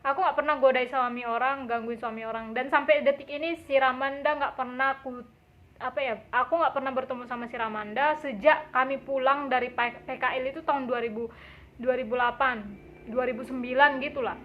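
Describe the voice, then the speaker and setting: Young woman, casual vlog storyteller, high voice, animated quotes, muffled lo-fi sound. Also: fairly quick. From Indonesia. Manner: lively, acts out quotes with raised voice. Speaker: vlogger. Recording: dull lo-fi recording.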